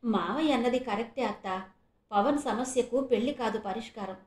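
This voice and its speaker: A woman voicing a kind young man who reassures his aunt warmly. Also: on the high side, normal speed, reverberant, lightly acted. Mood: reassuring. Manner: warm, reassuring.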